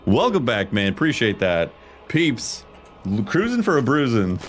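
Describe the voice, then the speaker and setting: This streamer has a mid-range voice and speaks a little slowly but very animatedly. He chats informally about the game he's playing, musing aloud in slangy, offhand remarks over the game's music.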